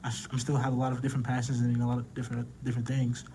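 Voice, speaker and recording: Young man, 20s, talk show guest, rapid speech, dark mellow tone, rambling. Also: medium pitch, monotone, a little hiss or hum, low-quality recording. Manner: rambling, with many fillers and restarts. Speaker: guest, insurance agent and student. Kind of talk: casual talk show chat.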